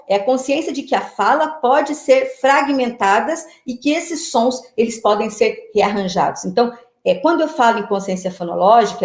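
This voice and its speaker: Brazilian woman teacher trainer, slightly high voice, explains patiently with "né?" tags, roomy webcam sound. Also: darkish tone. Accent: Brazilian Portuguese. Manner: explanatory, repeats "né?" and "tá?" often. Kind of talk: online lecture to teachers. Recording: roomy echo.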